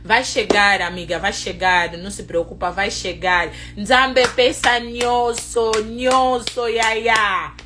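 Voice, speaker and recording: A woman chatting casually on a livestream, excitable and preachy, swinging from low murmurs to loud encouragement. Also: slow, hardly any pauses, over music. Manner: excitable, switches from murmuring to shouting. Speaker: vlogger.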